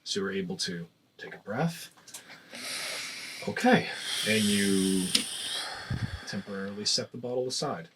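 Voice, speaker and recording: A man narrating a tabletop game as game master, pausing often with fillers and restarts. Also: lowish voice, expressive, noisy background. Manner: hesitant, many fillers and restarts.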